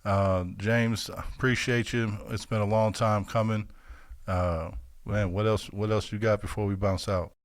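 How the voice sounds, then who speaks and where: Young male podcast host, twenties, smooth lowish voice, emphatic casual delivery. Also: flat delivery, measured pace, no echo, studio quality. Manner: upbeat, emphatic, lots of fillers.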